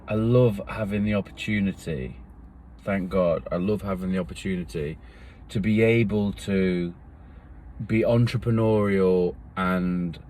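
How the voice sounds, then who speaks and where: A man's voice: low voice, a little mellow, slight background noise. A man, talking to himself in a meandering, reflective solo monologue that often trails off. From England. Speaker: vlogger.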